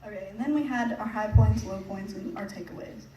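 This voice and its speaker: A woman's voice: medium pitch, brisk, mellow. A young woman giving a casual, chatty talk to a church audience about her mission trip. She laughs often and leans on fillers. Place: church hall. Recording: echoey hall, picked up from a distance, faint noise.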